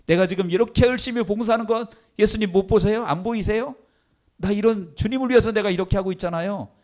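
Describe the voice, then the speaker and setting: A man's voice: sits high, quick pace, darkish tone, voice pushed up, lightly acted. A man voicing Martha, a complaining, self-righteous woman, in a whiny, indignant pleading tone.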